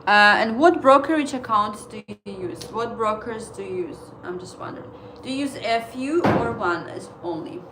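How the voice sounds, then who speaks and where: A woman in her thirties, a native Estonian speaker with an Estonian accent, hosts a casual trading livestream, chatting with viewers in halting, filler-heavy English. Her voice is a little high with lively intonation, and background noise can be heard.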